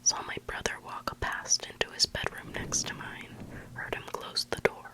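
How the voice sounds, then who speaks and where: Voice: normal speed, rough recording. Intimate close-up ASMR whisper. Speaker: ASMR host reading online stories. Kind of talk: whispered ASMR bedtime reading of spooky stories. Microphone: very close microphone.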